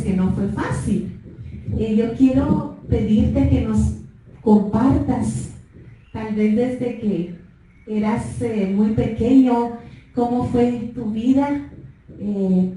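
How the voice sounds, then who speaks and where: A woman hosting a church interview, speaking slowly with chuckling asides. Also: fairly high pitch, mellow. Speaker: host interviewer. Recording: echoey room, far from mic, faint noise.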